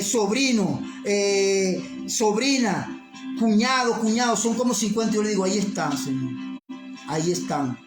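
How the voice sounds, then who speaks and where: A man preaching an earnest, insistent sermon, repeating his points. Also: high-pitched. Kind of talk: fervent sermon. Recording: roomy echo with faint music.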